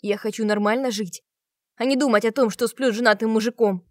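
A woman voicing a defiant, sharp-tongued young heroine who raises her voice and speaks sarcastically in an audiobook. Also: fairly high pitch, fairly even intonation, fairly quick, no room sound, clean studio sound, close to an everyday voice. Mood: heated sarcastic. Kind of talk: audiobook character reading.

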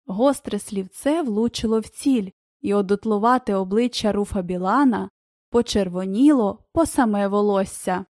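A woman reading a children's story aloud as an audiobook narrator, in expressive, even-paced storytelling. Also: mid-range voice, moderate pace, no echo, studio quality. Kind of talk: scripted narration.

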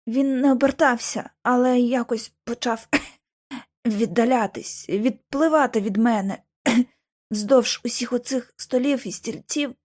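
Frail injured teen boy, read by a woman, high and slow, shaken and whiny.

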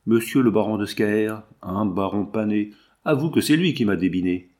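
A man's voice: on the low side, normal speed, darkish tone, lightly acted. A man reading aloud, putting on the voice of a bold, cheeky red-haired young showgirl who scolds and teases. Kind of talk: audiobook reading.

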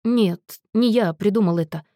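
A woman voicing a defensive, shamed young man who speaks flatly and quickly when pressed. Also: mid-range voice, dry recording, studio quality, natural voice. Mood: subdued.

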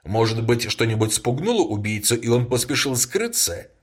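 A man's voice: mid-range voice, big pitch swings, normal speed, slightly rough. A man voicing a dutiful male police inspector who reports facts politely and formally. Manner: polite, matter-of-fact reporting.

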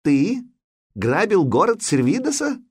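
A gruff, menacing interpreter, put on by a male narrator, who snaps out short, broken questions in a higher, slower voice with a lively, swinging pitch. It sounds close and completely dry, with no room around it. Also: no room sound, exaggerated voice. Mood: demanding. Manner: broken halting speech, barked demands.

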